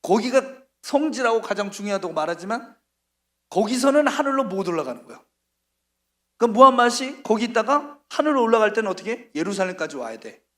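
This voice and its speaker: A middle-aged male missionary preaching a sermon, telling the story with animated acted-out voices. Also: high voice, a little fast.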